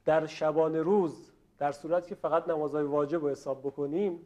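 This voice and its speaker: Man teaching pronunciation to a class, voice a bit on the high side, draws out each example slowly. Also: fairly even intonation, darkish tone. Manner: slow, drawn-out model pronunciations; polite, questions the class. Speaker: Quran recitation teacher. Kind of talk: classroom lesson on letter pronunciation.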